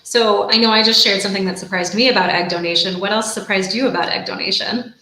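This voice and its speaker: A woman's voice: mid-range voice, steady tone, fast talker, bright, forceful tone, reverberant, a little hiss or hum, rough recording. A woman hosting an interview, supportive and encouraging, asking her guest questions. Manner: supportive, asks questions, agrees often. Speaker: host from the agency. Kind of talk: conversational interview.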